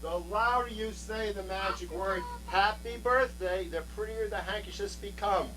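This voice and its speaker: A man's voice: high-pitched, normal speed, bright, forceful tone, a little hiss or hum, rough recording. A man working as a children's party magician, giving showy magic patter, coaxing the young audience and counting aloud on an amateur home video. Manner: coaxes audience, counts aloud, theatrical presenting.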